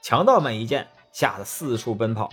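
A man narrating a children's story in a lively, expressive way. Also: medium pitch, normal speed, loud music behind the voice.

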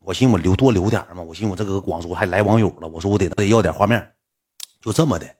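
A man's voice: deep voice, rapid-fire, a little mellow, breathy edge. A man with a Northeastern Chinese accent, telling a comic story to his livestream audience in a chatty, conversational way.

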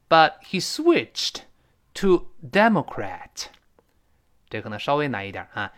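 A native Chinese-speaking man teaching an English lesson, explaining phrases, spelling words letter by letter and modeling sentences slowly. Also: medium pitch, fairly bright tone.

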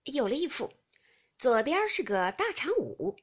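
A woman voicing a lively young lady's maid who runs a drinking game, talking in a brisk, playfully commanding way. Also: high-pitched, breathy edge, exaggerated voice. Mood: explaining. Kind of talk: audiobook character reading.

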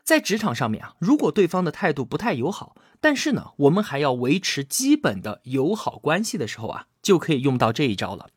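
Husky, lively man explaining a book. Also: fairly high pitch, no room sound, studio quality. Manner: explanatory, acts out quoted lines; frequent drawn-out filler particles. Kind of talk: scripted narration.

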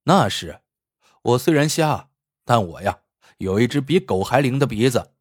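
A man voicing a clever blind man in a storybook tale, speaking in a calm, wry, husky way. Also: medium pitch, moderate pace, dry recording, studio quality.

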